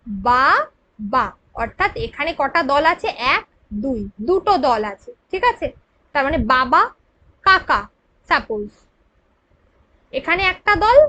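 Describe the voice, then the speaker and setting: High-voiced woman teaching grammar. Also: a bit bright. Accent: Bengali. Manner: patient, explains slowly and checks in with listeners. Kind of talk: exam prep grammar lesson.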